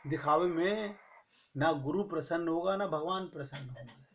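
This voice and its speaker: A man giving a slow, measured spiritual discourse to a gathering, stressing his points with rhetorical questions. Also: a little high, slight background noise. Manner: recites verse slowly. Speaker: spiritual teacher. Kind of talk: Hindi satsang discourse.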